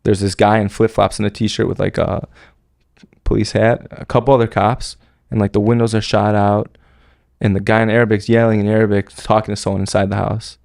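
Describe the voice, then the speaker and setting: A man's voice: fairly low pitch, little pitch movement, brisk, vocal fry, darkish tone, no room sound, studio quality. A man telling a story as a podcast guest, in casual, rambling speech full of slang and fillers. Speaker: podcast guest recounting military service.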